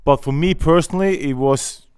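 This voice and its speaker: A Norwegian former footballer in his forties, guesting on a casual podcast, tells stories with lots of energy and gestures in somewhat broken English. His voice is a little high and fairly quick, with a clean tone. He sits at a desk mic on a stand in a small studio with a colourful backdrop.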